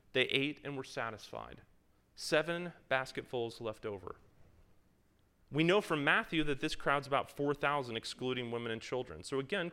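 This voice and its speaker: A man's voice: mid-range voice, bright, forceful tone, clean tone. A man leading a Bible study in front of a live group, talking conversationally and quizzing his listeners. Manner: reads scripture aloud with emphasis. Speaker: Bible teacher.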